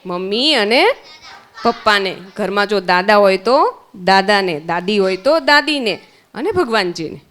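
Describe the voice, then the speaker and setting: A woman's voice: mid-range voice, expressive, unhurried, fairly bright tone. A woman with a Gujarati accent, teaching young children at a summer camp, asking them questions and answering them herself. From Gujarat, India.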